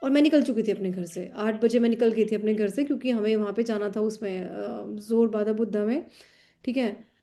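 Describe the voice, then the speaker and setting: A woman in casual group chat, telling stories with lively acted-out dialogue, mixing Hindi and English. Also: medium pitch, a little fast, soft background music. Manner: animated storyteller acting out dialogue. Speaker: tarot student.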